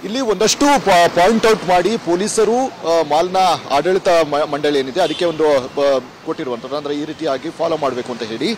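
A man reporting live outdoors beside a busy road, speaking haltingly with many fillers into a handheld mic. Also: on the high side, a little hiss or hum. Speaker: field reporter. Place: roadside outdoors by a mall.

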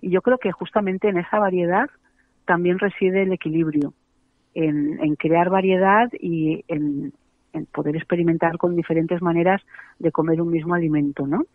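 A woman's voice: on the low side, steady tone, normal speed, dry recording. Woman on a tinny phone line. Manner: chatty, explanatory, frequent tag questions. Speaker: macrobiotic cooking guest. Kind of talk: radio interview by phone.

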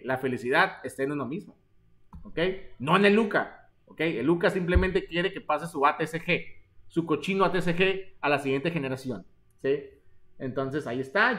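A man's voice: high-pitched, a bit bright. Joking man teaching a live class. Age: 30s. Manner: joking, theatrical, addresses students as "jóvenes". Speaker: online biology teacher. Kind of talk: live-streamed exam prep class.

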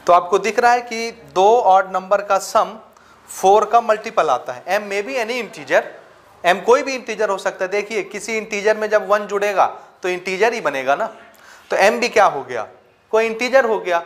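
A man teaching a maths lesson with a Chhattisgarh Hindi accent, often asking if students follow and dictating English terms slowly. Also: high voice, a bit bright. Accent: Hindi-speaking Chhattisgarh. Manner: checks understanding with frequent rhetorical questions. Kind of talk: classroom lecture.

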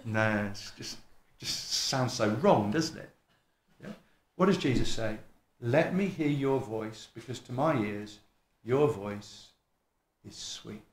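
Slow and at medium pitch, a middle-aged man gives a sermon at the lectern of a small church hall in East Midlands English shaded with Welsh. He's animated and conversational, mocks himself, and voices other people's words. A stand mic at the lectern captures him as a camera films from across the room.

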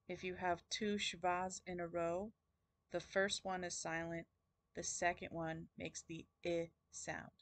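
A woman teaching Hebrew vowels in a recorded lesson, sounding out each vowel slowly and carefully. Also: lowish voice, no echo.

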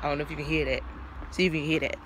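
A woman's voice: sits low, little pitch movement, racing, fairly bright tone. A woman vlogging casually on her phone while walking outside, talking straight to her viewers, chatty and folksy, and out of breath. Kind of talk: casual vlog talk to camera. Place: outdoors, walking near traffic at night. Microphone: handheld phone. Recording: faint outdoor traffic noise.

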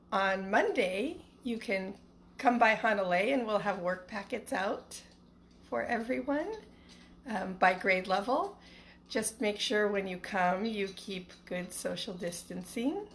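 A middle-aged teacher talks at a slow pace in a mid-range voice while doing storytime for children. In her small home living room, she alternates casual livestream chat with reading a picture book aloud. The home phone recording, made at arm's length, has some background noise.

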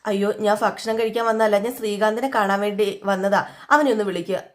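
A woman's voice: mid-range voice, steady tone, a little fast, lightly acted. A woman doing a suspicious young woman. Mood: probing.

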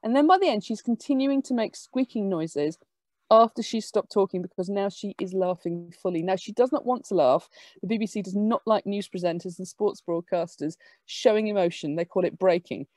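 A woman giving an academic lecture, explaining lively with quick asides. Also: medium pitch, no room sound.

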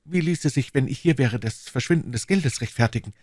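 A man's voice: medium pitch, animated, a little fast, darkish tone, pitched above the performer's own voice, natural voice. A man voicing a tender, frightened young woman in an audiobook, pleading in a raised voice. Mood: anxious. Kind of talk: audiobook reading, acted dialogue.

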